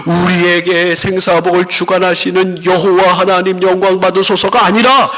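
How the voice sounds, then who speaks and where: Fervent bright-voiced preacher man. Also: flat delivery, normal speed, big-room sound, poor audio. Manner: fervent preaching, rising in pitch for emphasis. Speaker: pastor. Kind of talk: sermon. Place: church sanctuary.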